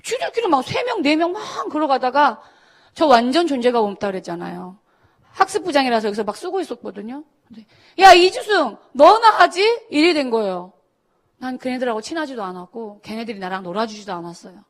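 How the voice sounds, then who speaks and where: A middle-aged woman pastor preaches to a youth service, telling her own story with lively swings of pitch. Her voice sits fairly high, and she jumps into the voices of the people in her story as she goes. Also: fast talker. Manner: animated storytelling, acting out quoted voices. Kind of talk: sermon testimony to students. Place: church service.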